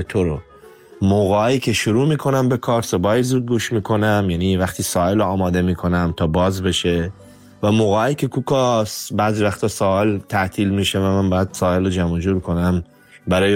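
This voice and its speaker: A man's voice: fairly low pitch, darkish tone. A man with a southern Iranian accent leaving a leisurely voice message for a podcast. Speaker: listener sending a voice message. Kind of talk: casual voice message.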